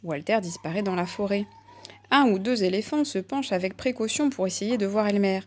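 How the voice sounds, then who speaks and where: A woman narrating a children's storybook in a calm, even manner. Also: medium pitch, fairly quick.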